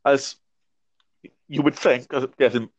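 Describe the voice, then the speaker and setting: In a relaxed chat on a podcast, a man in his twenties reflects aloud, stumbling with a stammer and frequent restarts. He speaks at medium pitch in a steady, unhurried tone. The lo-fi recording is dry and muffled with no echo.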